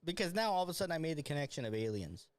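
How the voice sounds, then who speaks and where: A man's voice: fairly high pitch, very animated, rapid-fire, no echo. A man co-hosting a casual reaction chat who is giggly and laughs often between his comments. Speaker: co-host reacting to a video.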